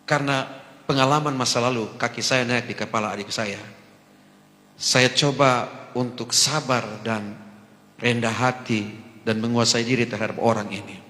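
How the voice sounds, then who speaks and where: Animated pastor preaching in an echoey hall. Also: male voice, medium pitch. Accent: Kupang Malay. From Eastern Indonesia. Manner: animated, acts out voices in anecdotes. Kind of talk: sermon with storytelling. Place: large church hall. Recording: echoey church hall with long reverb.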